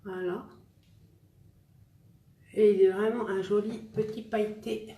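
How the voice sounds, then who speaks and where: A woman with a mid-range, dark-toned voice speaks slowly and steadily in an echoey room. Running a casual makeup tutorial livestream, this vlogger chats with viewers as she applies a look, joking at her own expense along the way.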